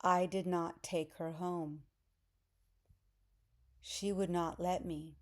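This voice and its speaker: A woman reading the lines of a curt, defensive young man who brushes off questions, in an audiobook, speaking very slowly. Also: fairly low pitch, flat delivery.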